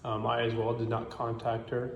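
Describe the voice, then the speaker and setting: A man's voice: mid-range voice, completely flat delivery, normal speed, gravelly, echoey room, a little hiss or hum. A man in his twenties giving a hesitant statement to camera, with many ums. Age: 20s.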